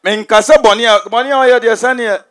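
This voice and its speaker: Homme ghanéen qui prêche d'une voix aiguë. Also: male voice, very high voice, steady tone, normal speed. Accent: Ghanaian. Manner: forceful, repetitive preaching, switches into English phrases. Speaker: prophet preaching. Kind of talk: sermon. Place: large stadium.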